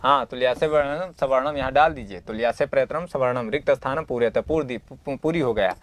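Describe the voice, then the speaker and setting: Fast and mid-range, a man reviews a model Sanskrit exam paper, reading the lines aloud and explaining them in plain Hindi. He repeatedly questions the class and supplies the answers himself, encouraging and homely, with comparisons from daily life.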